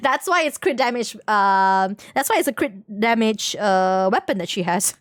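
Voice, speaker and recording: A woman live streamer chats casually and informally with her viewers while playing a game, giggling as she goes. Her voice is medium-pitched, animated and unhurried. The recording is dry, with clean studio sound.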